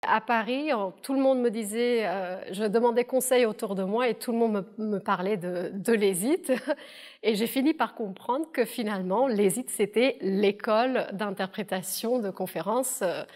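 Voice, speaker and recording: A woman in her thirties from southern India, giving a thoughtful testimonial interview with many pauses and hesitations. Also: medium pitch, a little mellow. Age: 30s. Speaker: interpreter and alumna.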